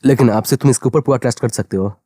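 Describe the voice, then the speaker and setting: A man doing a calm young hero. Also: medium pitch, rapid-fire, dry recording, studio quality, close to an everyday voice. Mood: steady.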